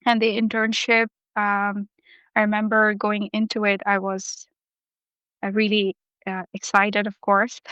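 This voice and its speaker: A young woman from Bangladesh talks as an interview guest, thinking her way through answers with plenty of ums and uhs. Her voice is smooth and clean at a middle pitch. The recording is dry and a bit dull. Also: fairly bright tone, dry recording. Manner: thoughtful, with frequent ums and uhs. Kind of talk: casual interview.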